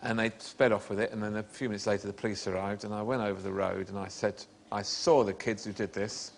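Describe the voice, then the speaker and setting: A man on a comedy panel show, telling a wry anecdote in a quick, dry manner. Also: lowish voice, steady tone, vocal fry, a little hiss or hum.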